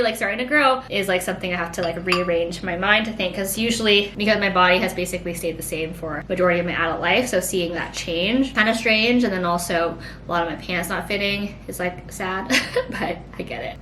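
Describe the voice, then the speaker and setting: Chatty rambling woman in an echoey room. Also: a bit bright. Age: late 20s. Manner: rambling, heavy use of "like". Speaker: vlogger. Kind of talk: casual pregnancy Q&A chat. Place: home. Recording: echoey room, faint rumble.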